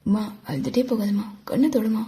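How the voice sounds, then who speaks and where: A soft-spoken, dutiful young man, as a woman puts him on in a fan voice-over drama. The voice is pitched well below her own and kept quiet and mellow. He soothes his crying mother gently. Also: fairly quick, lightly acted. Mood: soothing.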